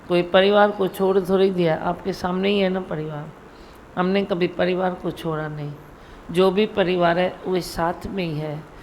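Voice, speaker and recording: A woman's voice: on the low side, low-quality recording. An older woman giving a devotional discourse as a spiritual leader, teaching earnestly and repeating her points with quoted verses. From India. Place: hall during a satsang gathering. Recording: faint background noise.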